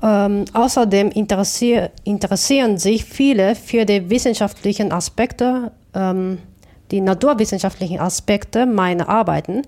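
Artist woman from Japan, Japanese native speaker, warm mellow tone, measured and reflective, some self-corrections. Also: medium pitch. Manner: careful, thoughtful, with small restarts. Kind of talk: interview answers.

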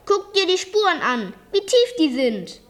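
Reader voicing a loud, indignant storybook grouch, high-pitched and raging. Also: female voice, sing-song, takes it slowly, full character voice. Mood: angry shouting. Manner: shouting, indignant. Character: angry middle-aged male minigolf owner.

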